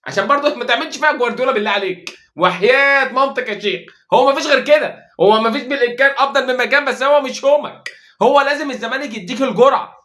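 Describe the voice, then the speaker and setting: A man with an Egyptian accent giving a joking, sarcastic football match recap in fast, exasperated rants. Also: extremely high pitch, sharp tone. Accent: Egyptian Arabic. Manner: joking, mocking, rapid rants with exasperated asides. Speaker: football fan commentator.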